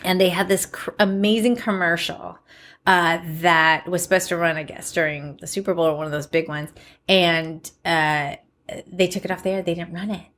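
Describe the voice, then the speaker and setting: Woman in her thirties, casual podcast chat, animated storyteller, laughs often. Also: lowish voice, normal speed. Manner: chatty, laughing, animated storytelling with voiced quotes. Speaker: podcast co-host.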